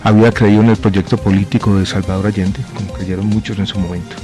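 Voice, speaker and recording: A man in his forties, a government minister, answering radio interview questions in a measured, reflective way with many pauses and fillers. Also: fairly low pitch, little pitch movement, dark tone, soft background music. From born in Chile, raised in Colombia. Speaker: guest, health minister.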